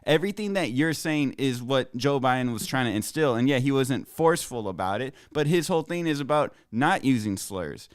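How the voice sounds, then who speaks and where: A man's voice: medium pitch, smooth, no room sound, clean studio sound. A man hosting a podcast, talking in casual discussion, earnest with joking asides. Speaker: podcast host.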